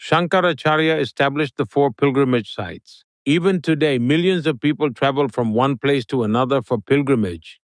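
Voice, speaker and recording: In a dry recording, a man with a mid-range voice gives an interview guest's answers in English. He delivers them steadily and formally, as though giving a prepared speech.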